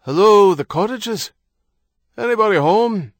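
A man voicing a bold, cheerful Irish trickster with an Irish accent who calls out loudly and heartily. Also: a little high, moderate pace, no room sound, studio quality, voice pushed up, lightly acted. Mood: hearty. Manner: loud, hearty calling out.

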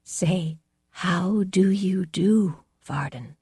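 A woman voicing a timid noblewoman who speaks in a tremulous, hushed way. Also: fairly low pitch, moderate pace, no echo, studio quality, pitched above the performer's own voice, lightly acted. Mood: anxious.

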